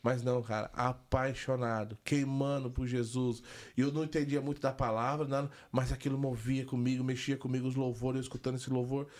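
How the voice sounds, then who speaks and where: A young adult man, a guest giving a testimony, tells a personal story conversationally at a fairly quick pace in a medium-pitched voice. He's animated and acts out the voices of the people involved.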